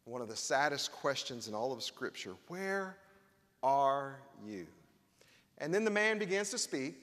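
A pastor preaches a sermon in a church sanctuary, his medium-pitched voice sing-song, brisk and sharp. He reads scripture aloud, earnest but with touches of wry humor, and a long hall reverb trails his words.

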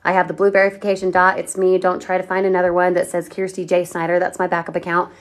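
A woman from Colorado hosting a livestream, giving an upbeat, persuasive sales pitch and answering viewers' comments directly. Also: monotone, fast talker. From Colorado, USA. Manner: upbeat, persuasive, talks straight to viewers and reads their comments. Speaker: online marketing livestream host.

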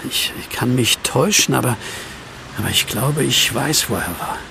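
In a German audio drama, an actor plays the narrator and lead, a brooding widower haunted by a werewolf, recounting his horror story in first person in an earnest, measured, reflective way. His mid-range, creaky voice is expressive yet hesitant and pondering. Music runs under the voice over a noisy background.

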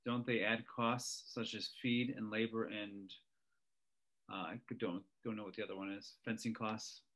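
A man's voice: fairly low pitch, flat delivery, normal speed, fairly bright tone. Man moderating and reading out questions. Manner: brief, reads questions out, then short acknowledgements. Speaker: webinar moderator. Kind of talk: reading audience questions aloud.

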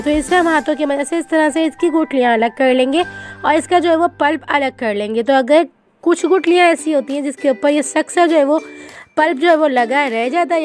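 A woman hosting a home cooking channel, narrating a recipe in a chatty way and often filling gaps with "jo hai woh". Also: sits high. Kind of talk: cooking tutorial voice-over.

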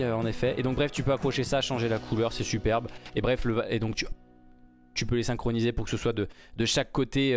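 A man giving casual, excited commentary while reacting to a game trailer, rambling with many fillers and restarts. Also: mid-range voice. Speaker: gaming YouTuber reacting to a trailer.

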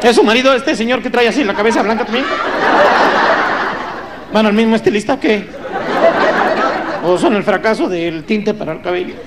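A man with a Mexican accent doing live stand-up comedy, teasing the audience and breaking into shouted impressions. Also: high-pitched, moderate pace, long pauses. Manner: rowdy, teasing crowd work, bursts of shouted impressions. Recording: live show with loud crowd and noise. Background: loud audience laughter.

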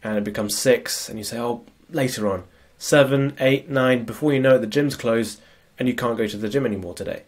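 Speaking fairly quickly with few pauses, a medium-pitched man with a cold sniffles as he lectures. The productivity coach shares his screen for a conversational talk, frequently asking "right?"

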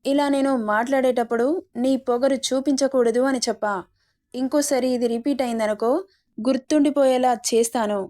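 A woman reads a domineering young man in a romance story, threatening and mocking, with a fairly high voice. He stays cold and controlling. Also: steady tone, moderate pace, mellow, natural voice. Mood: menacing. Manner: taunting and threatening.

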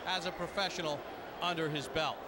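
Male ringside boxing commentator, high-pitched voice, calling it live over a loud crowd. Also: steady tone, fairly quick. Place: ringside at an indoor arena. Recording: loud crowd and arena noise.

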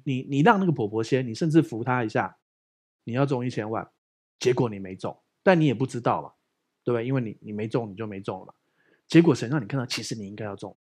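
A man, a pastor speaking Mandarin with a Taiwanese accent, preaching a lively conversational sermon, joking and often asking the congregation if they agree. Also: mid-range voice, slightly rough.

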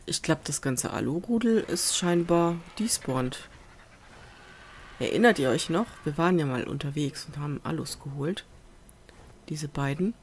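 A let's play gamer with a low-pitched voice talks through a survival game at her home computer at a measured pace, her commentary loose and rambling. She mutters to herself and sweet-talks the animals on screen into a USB desk mic. Behind her is a faint hum, plus faint festival sounds from outside.

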